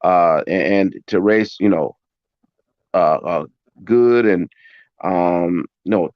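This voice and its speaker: A man in his forties giving his view on a panel over a call, measured and full of fillers. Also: deep voice, dry recording. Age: 40s. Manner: measured, many fillers and restarts. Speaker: panel guest. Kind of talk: casual opinion on a call-in panel. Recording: dull lo-fi call audio.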